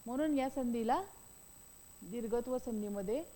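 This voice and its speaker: Woman teacher, fairly high and mellow voice, repeats points and answers her own questions, long reverb. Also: moderate pace, a little hiss or hum. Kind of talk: grammar lesson.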